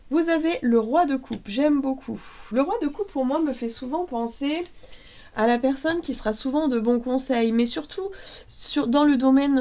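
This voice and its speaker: This tarot reader's voice is high-pitched but dark in tone, with a little background noise behind it. In her thirties and suffering from a cold, she cracks as she speaks, chatting casually and hesitantly with lots of fillers.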